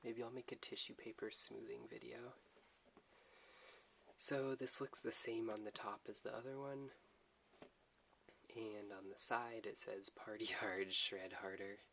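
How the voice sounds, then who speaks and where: A soft-spoken man giving an unhurried ASMR unboxing commentary. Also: on the low side, steady tone, creaky. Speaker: host of an unboxing video. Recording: hissy background noise.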